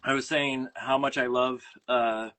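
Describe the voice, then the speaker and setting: Bright-voiced Minnesotan man hosting a livestream. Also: medium pitch, steady tone, a little slow. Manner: rambling, many fillers and restarts. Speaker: host. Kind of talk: casual livestream chat. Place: home studio room. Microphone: phone on a mount.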